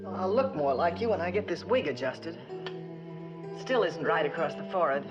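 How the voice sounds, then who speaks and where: An actress as a faded actress taking a strange job, patient and a little wry, her voice lively in pitch. Faint music plays behind her in this 1960s TV drama. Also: moderate pace, muffled recording, close to an everyday voice. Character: faded actress hired as a double. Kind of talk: 1960s television drama acting.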